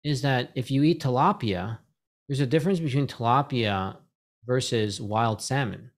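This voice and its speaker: A man's voice: mid-range voice, moderate pace. A middle-aged man speaks into a desk microphone at home, chatting on a video call. His talk rambles, circling back with restarts and checking in with little "right?" tags as he builds a point. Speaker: host. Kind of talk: casual video call conversation. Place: home room with bookshelves. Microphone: desk microphone on boom arm.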